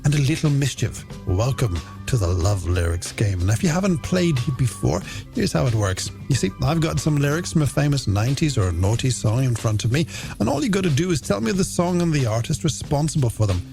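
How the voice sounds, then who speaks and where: Very animated and a little fast, an Irish man with medium pitch and vocal fry hosts a late-night radio music show. He presents game segments and shout-outs in a playful, theatrical, polished way, with a music bed underneath.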